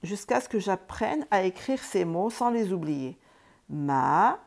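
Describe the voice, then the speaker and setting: A woman teaching reading and spelling, sounding out words slowly, syllable by syllable. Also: medium pitch, very animated, gravelly, darkish tone. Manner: slow, syllable by syllable, sounding out letters.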